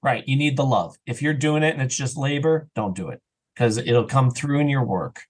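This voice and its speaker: This podcast guest, an audio drama writer and actor, has a mid-range, slightly rough voice and speaks at a moderate pace. His conversational style is casual, with strong opinions delivered emphatically.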